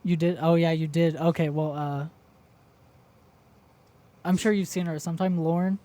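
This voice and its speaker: A man's voice: fairly even intonation, mellow. A young man with a somewhat nasal voice, co-hosting a casual podcast chat and trading jokes. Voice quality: nasal, higher voice. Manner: quick, joking banter. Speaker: podcast co-host.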